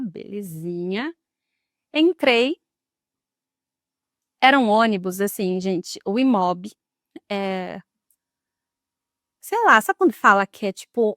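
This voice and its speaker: A young woman, a vlogger, tells a personal story to camera with drama and emotion, bringing in lively quoted speech. Her voice sits at medium pitch, and the studio-quality recording has no room sound.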